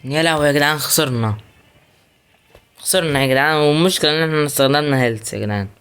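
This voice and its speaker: Young Egyptian man, rapid-fire gameplay commentary, excitable and chatty with viewers. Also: on the high side, clean tone. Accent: Egyptian Arabic. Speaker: gaming YouTuber.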